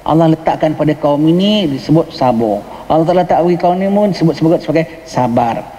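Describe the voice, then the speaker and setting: This man's voice is a little high and dark, with lively intonation and a quick pace. He is a religious teacher with a Johor Malay accent, patiently explaining a religious text in a mosque lecture, throwing in English words and asking his listeners "ha?". The hall's long reverb is clearly audible.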